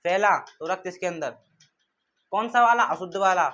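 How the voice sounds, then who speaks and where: High-voiced man drilling a lesson. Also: normal speed, pushed and bright. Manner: repeats questions and answers them himself; drills terms in call-and-response rhythm. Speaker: teacher. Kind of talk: classroom lecture.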